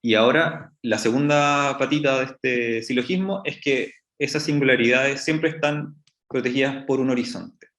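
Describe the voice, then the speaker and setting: In an echoey lecture room, a man gives a public astrophysics talk in a mid-range, fairly bright voice at a moderate pace. He explains step by step, restarting often and saying "entonces, bueno" a lot.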